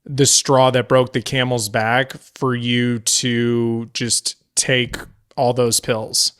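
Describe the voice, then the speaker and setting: Male interviewer, even and unhurried delivery, smooth tone, treads carefully. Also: medium pitch. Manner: careful, hesitant questioning. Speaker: podcast host. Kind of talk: interview questions.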